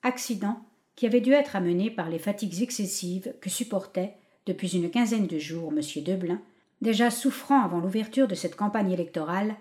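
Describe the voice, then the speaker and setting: A woman narrating a novel in a measured, expressive reading voice. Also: mid-range voice.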